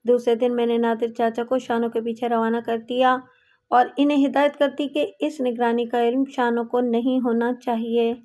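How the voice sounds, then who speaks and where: A woman with a high voice reads a crime story aloud in a dramatic storytelling manner. Her delivery is that of scripted audiobook narration. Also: flat delivery, dark tone.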